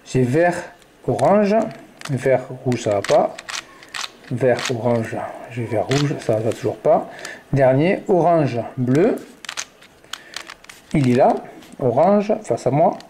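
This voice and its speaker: Man, warm low-key voice, step-by-step tutorial, muttering moves aloud, light background hiss. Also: animated, slow, long pauses. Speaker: puzzle tutorial presenter.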